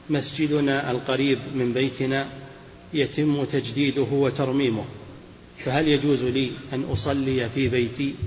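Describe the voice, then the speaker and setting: Flat-voiced man reading out questions. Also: medium pitch. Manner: formulaic, steady reading, each question opened with a polite address. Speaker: reader of questions to the sheikh. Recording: roomy, dull old hall recording with faint hiss.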